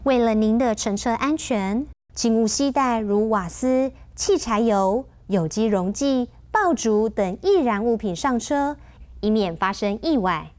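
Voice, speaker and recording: A woman with a Taiwanese Mandarin accent narrating in the scripted style of a flight safety demo, measured and instructional. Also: on the high side, expressive, a little mellow. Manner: clear, measured instructional delivery.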